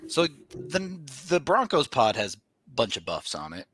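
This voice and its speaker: A man's voice: mid-range voice, huge pitch swings, normal speed, a bit bright, slight background noise. A man hosting a sports podcast, talking casually and reading sponsor spots himself. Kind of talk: casual sports podcast talk with host-read ads.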